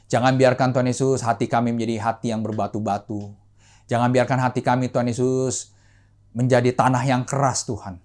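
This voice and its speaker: A male pastor delivering a sermon in a mid-pitched voice. He presses his points with lively emphasis, often addressing the congregation directly, and then moves into a softer, steady prayer. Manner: animated preaching, often adding "saudaraku" and "gitu".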